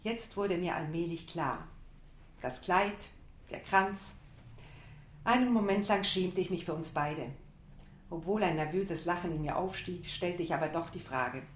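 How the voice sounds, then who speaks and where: A woman reading a story aloud as scripted narration, expressive and acting out the dialogue. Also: on the low side, a little slow. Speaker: audiobook reader. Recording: roomy echo.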